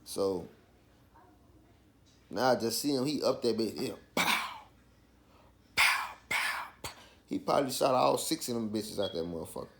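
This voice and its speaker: Speaking on the low side with expressive, creaky delivery at normal speed, the Chicago vlogger recounts a personal story, leaving long pauses. He talks in slangy street style and keeps asking the listener "you feel me."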